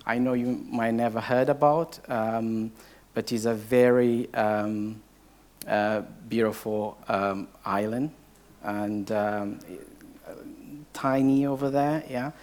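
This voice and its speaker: A man's voice: on the low side, fairly even intonation, takes it slowly, a little mellow. Hesitant young man. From Portugal. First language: Portuguese. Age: young adult. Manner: hesitant, heavy with filler sounds and restarts. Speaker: case study speaker at a training event. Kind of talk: personal story told to a live audience.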